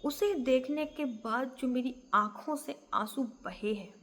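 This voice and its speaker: A woman telling an emotional personal story about her temple, speaking earnestly with many pauses. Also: high-pitched, in a large hall.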